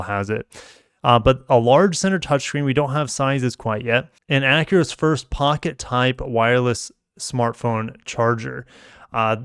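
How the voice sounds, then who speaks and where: A man's voice: mid-range voice, smooth, no echo, studio quality. A man giving casual vlog commentary as a car reviewer, chatty and thinking aloud while he addresses his viewers.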